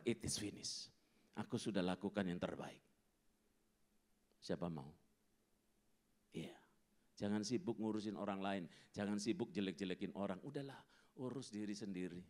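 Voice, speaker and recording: A male pastor preaching a sermon at a church service, animated, acting out scenes and asking the congregation questions. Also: fairly low pitch.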